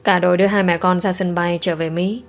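A woman narrating a romance audiobook in a calm, even reading. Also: lowish voice, a little fast. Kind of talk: scripted story narration. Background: soft music.

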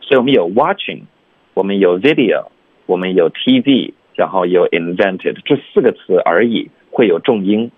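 A man teaching English pronunciation on a radio lesson, explaining calmly and slowly sounding out example phrases. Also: low voice, breathy edge, no echo. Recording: tinny phone-like radio sound.

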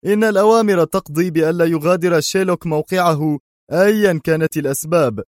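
A hoarse, fierce hijacker leader, as a male narrator puts him on, taunting and threatening. His voice rides well above a plain speaking pitch and sounds close and dry. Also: a little mellow, dry recording, lightly acted. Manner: sneering, threatening.

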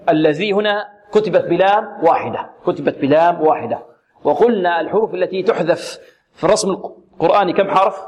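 A man teaching tajweed, who poses questions and answers them himself and repeats words slowly to demonstrate pronunciation. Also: high-pitched, muffled recording. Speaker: Quran recitation teacher. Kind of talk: tajweed lesson with recitation examples.

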